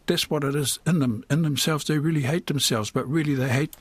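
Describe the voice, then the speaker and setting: Speaking as an interview guest, this older man with a New Zealand accent looks back on his life in a frank, colloquial way, frequently adding "eh" and "you know." The voice is a little high and husky, a touch fast, with no room sound.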